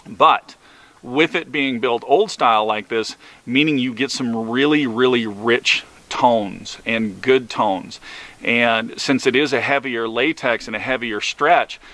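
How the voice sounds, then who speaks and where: A man's voice: medium pitch, slow pace, fairly bright tone, dry recording. A man giving a casual, instructional product review in a folksy, informal way, repeating himself as he goes. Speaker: product reviewer of hunting calls.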